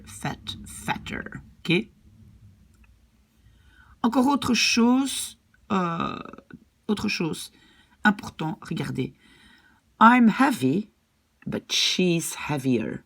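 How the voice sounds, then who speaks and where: Slow, husky woman teacher explaining grammar. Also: sits low. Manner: patient, checks understanding often. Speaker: language teacher.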